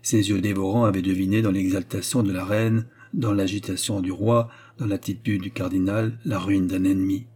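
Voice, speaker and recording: A man narrating a classic novel as an audiobook in a measured, expressive reading. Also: low voice, slightly rough.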